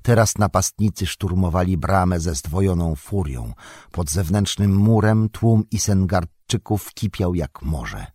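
Low husky male audiobook narrator. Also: expressive, a little mellow, no room sound, clean studio sound. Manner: measured, dramatic reading. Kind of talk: scripted narration of a fantasy novel.

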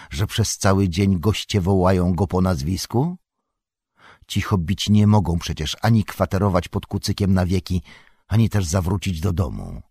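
A grim, watchful ranger speaks low and measured in a storybook reading, as a man reads him out. The voice is deep, husky and gravelly. It sounds close and dry. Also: warm tone, no room sound. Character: grim watchful male ranger, calm and wry.

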